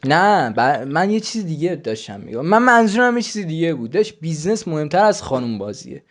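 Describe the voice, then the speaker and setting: A man's voice: a little high, big pitch swings, slight background noise. A man chatting with strangers on a video-chat site, crude and teasing, often swearing and slipping into a coaxing older-brother tone. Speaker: YouTuber chatting with strangers online.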